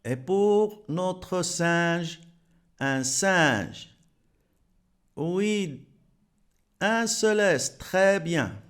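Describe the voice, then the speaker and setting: A man's voice: sits high, expressive, drawn-out words, pauses often, fairly bright tone, clean tone. A man teaching French to young children, patiently repeating words and clapping out their syllables. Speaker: primary school French teacher.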